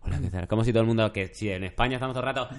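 A man's voice: fairly low pitch, racing, a crowd in the background. A middle-aged man, chatting casually as a podcast host and telling rambling stories. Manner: rambling, storytelling with shouted impressions. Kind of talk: casual chat.

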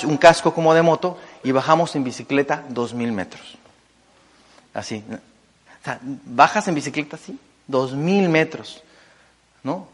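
Lively Mexican man in echoing hall. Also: fairly high pitch. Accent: Mexican Spanish. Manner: animated, enthusiastic storyteller, many fillers and rhetorical "¿no?". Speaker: motivational business speaker. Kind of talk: storytelling talk to an audience. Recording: long hall reverb.

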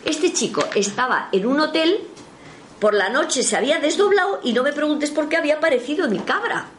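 A woman telling a spiritualist story in a casual spoken anecdote, her voice leaping in pitch when she quotes others. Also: animated, fairly quick, slight background noise. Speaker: storyteller recounting a spiritualist session.

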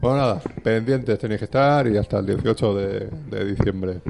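A man hosting a radio show, relaxed and laughing as he wraps up. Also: lowish voice, moderate pace, creaky, soft background music. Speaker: radio host. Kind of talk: casual radio chat.

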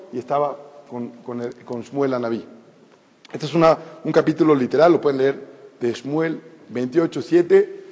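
Male Torah teacher, storyteller, slightly high voice, dark mellow tone, echoey dull recording. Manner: storytelling, repeats words while thinking; explains Hebrew terms to listeners, adds a joke. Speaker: religious teacher. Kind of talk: Torah lesson. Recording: echoey hall, dull lo-fi sound.

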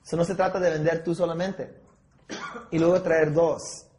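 A man's voice: on the high side, little pitch movement, moderate pace, a little mellow. A man leading a sales training session, acting out objections with listeners and often checking they follow, mixing in English words. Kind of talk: training talk with role-play. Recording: echoey room.

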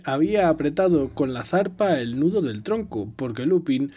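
A man's voice: fairly high pitch, a little mellow, husky. A man reading a novel aloud, taking turns with a partner, telling it dramatically and dropping to a whisper in tense moments. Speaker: reader.

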